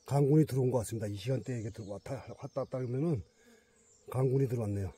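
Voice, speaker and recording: A middle-aged beekeeper vlogs outdoors in a mountain forest, talking emphatically to his bees and his viewers in a casual style. His medium-pitched voice is warm and slightly rough, and he speaks very fast.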